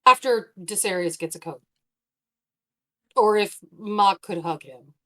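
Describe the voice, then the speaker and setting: A woman player talking casually during a tabletop game, with a middling pitch. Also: measured pace, a bit bright.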